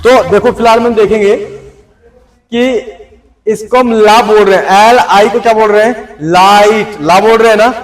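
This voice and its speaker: A man with a fairly high voice teaches a class, drilling pronunciation word by word and scolding inattentive students. His speech is slow and deliberate. The echoey classroom rings around him. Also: steady tone. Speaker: tuition teacher. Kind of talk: classroom lesson on English pronunciation.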